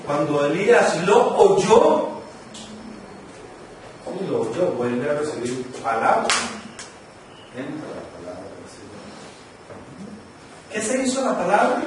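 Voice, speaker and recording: Predicador con eco de iglesia lejana. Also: male voice, fairly high pitch. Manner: questions the congregation, swings from loud to hushed. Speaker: preacher. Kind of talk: sermon. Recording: echoey church from far off, noisy.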